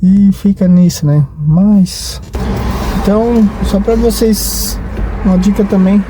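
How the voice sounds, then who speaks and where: Speaking slowly in a high, steady voice, a man from Brazil chats through a casual vlog, wandering and hesitant, often restarting and tacking on tag questions. The recording is noisy with traffic behind him.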